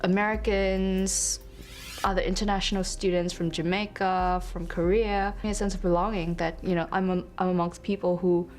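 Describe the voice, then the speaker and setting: A woman's voice: lowish voice, level tone, moderate pace, darkish tone, slight background noise. Reflective young woman from Singapore. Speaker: student. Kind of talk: interview testimonial.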